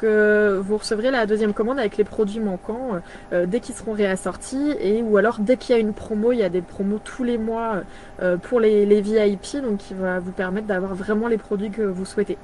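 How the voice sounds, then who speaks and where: A woman in her thirties chatting casually on a live video, pausing often with fillers and restarting her sentences. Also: fairly high pitch, a little mellow, slight background noise. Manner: hesitant, many fillers and restarts. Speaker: brand partner presenting products.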